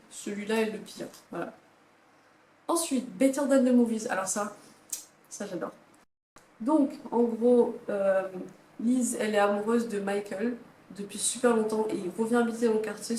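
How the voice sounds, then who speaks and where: A woman's voice: mid-range voice, a little mellow, slight background noise. Chatty young Frenchwoman in an echoey room. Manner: chatty, dramatic reactions, reads blurbs aloud. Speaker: book vlogger. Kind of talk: casual book ranking chat. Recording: echoey room, faint ambience.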